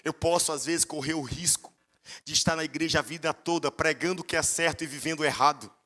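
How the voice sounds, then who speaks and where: A Brazilian pastor preaches with a bright, forceful voice pitched a little high for a man, speaking a little fast. His stories sweep upward in emphatic rises, ringing out through a long hall reverb.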